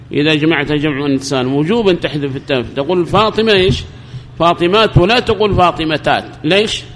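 A man giving a recorded grammar lesson, explaining slowly and repeating his examples, with questions he then answers himself. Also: high-pitched, a bit bright, long reverb tail, a little hiss or hum. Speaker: grammar teacher.

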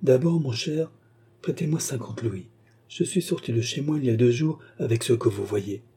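A man's voice: medium pitch, normal speed, dark tone, slightly rough. A man reading a storybook and voicing a composed, secretive young courtesan woman with a firm manner. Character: cool-headed resolute young courtesan woman.

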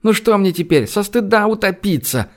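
A man's voice: high voice, expressive, normal speed, darkish tone, pitched above the performer's own voice. A man reading an audiobook, voicing a distraught young woman who pleads and bursts out between sobs. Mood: desperate. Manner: pleading, sobbing outbursts.

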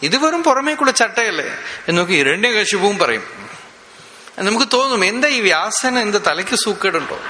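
Bright-voiced man giving an echoing scripture discourse. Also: sits high, sing-song. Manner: explanatory, rhetorical questions, slow chanting of verses. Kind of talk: scripture discourse with chanted verses. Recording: echoey hall, faint ambient noise.

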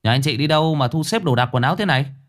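A man playing a brash middle-aged uncle who talks loudly and bluntly. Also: on the high side, racing, pitched above the performer's own voice, lightly acted. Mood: forceful. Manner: loud, blunt, coarse.

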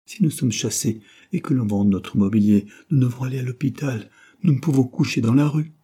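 A distressed young mother speaks in a strained, lifted tone, put on by a man reading a storybook. Her voice stays husky and dark despite the higher pitch. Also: brisk, lightly acted.

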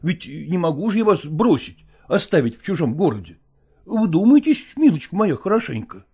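Man doing a weary touring actor, husky high voice, lively swings, dark tone, coaxing, audiobook drama. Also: moderate pace, exaggerated voice. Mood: persuading. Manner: coaxing, patronizing, sighing.

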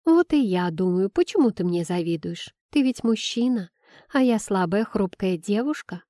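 A woman's voice: medium pitch, lively intonation, normal speed, warm tone, no room sound, studio quality, close to an everyday voice. A woman playing a sly, teasing young palace steward. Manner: mock-innocent, teasing.

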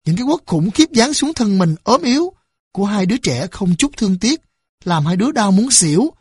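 Audiobook narrator, mid pitch, husky texture, steady and expressive. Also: a little fast, no echo, studio quality.

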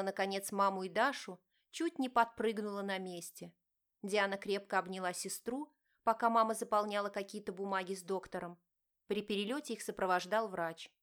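A woman narrating a romance novel as an audiobook, in an even, measured reading. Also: mid-range voice. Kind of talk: scripted narration.

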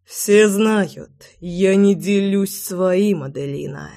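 Brief: a woman doing a hoarse, growling brute of a man, slow and threatening, storybook reading. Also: medium pitch, darkish tone. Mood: menacing.

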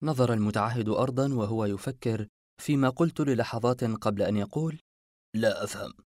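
Male audiobook narrator: mid pitch, steady measured delivery, dry close sound. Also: no room sound.

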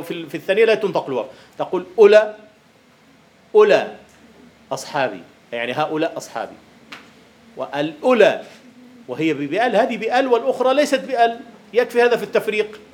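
A man lecturing a university class on poetic meter, questioning students and at times dropping to a quiet murmur. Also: high voice.

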